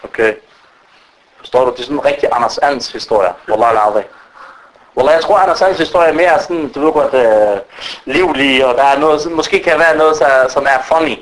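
A man's voice: medium pitch, low-quality recording. A man giving a religious lecture, telling stories animatedly and often asking his listeners rhetorical questions. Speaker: preacher.

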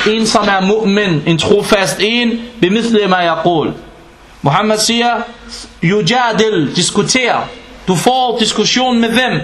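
High-pitched guy preaching, quizzing the crowd, sounds roomy and echoey. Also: a bit bright. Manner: explains Danish, quotes Arabic scripture fast, asks the listeners questions. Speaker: Islamic preacher. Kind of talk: religious lecture.

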